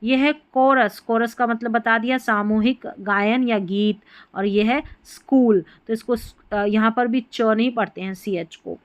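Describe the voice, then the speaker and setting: A woman teaching a spoken lesson, patiently repeating words and spelling out letters slowly. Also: a little high, clear, resonant tone, dry recording. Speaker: English teacher.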